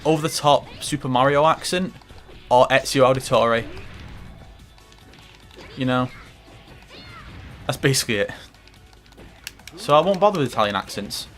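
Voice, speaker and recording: A man's voice: mid-range voice, animated, moderate pace, long pauses, fairly bright tone. A man commentating a fighting game playthrough, rambling and swearing often, with game music faint behind. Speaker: gaming commentator. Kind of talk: let's play commentary.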